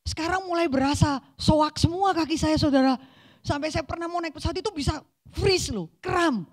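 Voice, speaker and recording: Lively woman preacher in her forties. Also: high-pitched, normal speed. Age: 40s. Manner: lively storytelling, acting out voices in dialogue. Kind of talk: sermon. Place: church hall.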